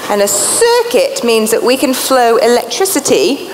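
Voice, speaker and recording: A woman's voice: fairly high pitch, very animated, a little slow. A woman presenting a live science demonstration on stage, explaining things step by step in an instructive way. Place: large indoor theatre stage. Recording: reverberant theatre with background noise.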